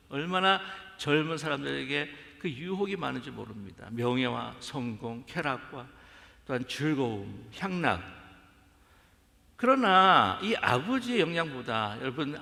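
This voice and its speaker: Lively, gravelly male pastor preaching. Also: fairly high pitch. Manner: addresses the congregation directly with rhetorical questions. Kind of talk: sermon. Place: church sanctuary. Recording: echoey church sanctuary.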